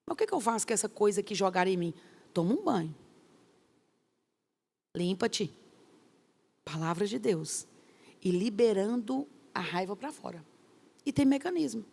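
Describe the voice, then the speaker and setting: A middle-aged woman pastor teaches a course. She speaks emphatically, fires off rhetorical questions and acts out little scenes. Her mid-pitched voice has a gravelly rasp. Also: darkish tone. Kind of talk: lively teaching talk.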